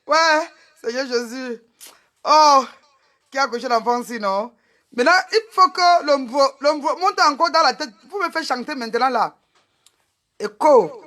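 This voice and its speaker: A woman doing joking live-stream banter on a phone, loud and laughing, often breaking into shouts. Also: high voice, moderate pace.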